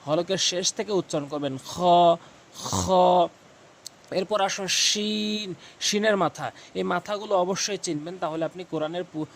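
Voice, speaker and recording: A man teaching Quran recitation, explaining how to pronounce each Arabic letter and repeating the sounds slowly and emphatically. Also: a little high, fairly bright tone, a little hiss or hum. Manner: slow, emphatic, drills sounds by repeating them. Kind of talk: tutorial on Arabic letter pronunciation.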